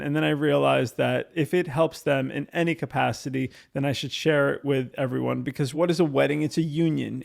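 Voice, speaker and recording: A man's voice: a little high, vocal fry. A man hosting a podcast, speaking in an earnest, informal, philosophical way, as in a reflective wedding toast speech. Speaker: podcast host.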